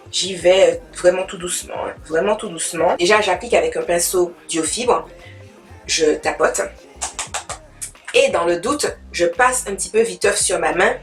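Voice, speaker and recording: Chatty woman doing a makeup tutorial. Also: lowish voice. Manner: chatty, mixes in English words, repeats fillers. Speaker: beauty vlogger. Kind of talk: casual makeup tutorial chat.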